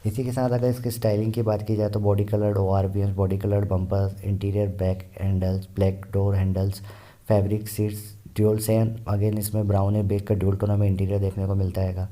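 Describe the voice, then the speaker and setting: A man's voice: fairly low pitch, monotone, a little fast, mellow. A man explaining car variants in a car review, steadily listing features one by one.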